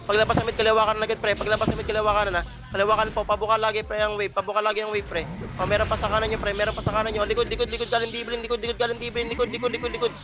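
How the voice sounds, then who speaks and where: High-pitched man rattling off rapid callouts. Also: completely flat delivery, music in the background. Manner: urgent, repeating commands in rapid bursts. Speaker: team shot-caller. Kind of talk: fast repetitive in-game callouts.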